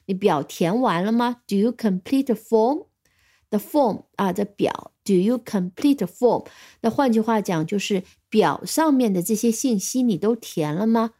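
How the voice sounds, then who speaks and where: A woman's voice: mid-range voice, expressive, measured pace, mellow. A woman teaching an English vocabulary lesson in Chinese, patiently spelling words letter by letter and giving example sentences.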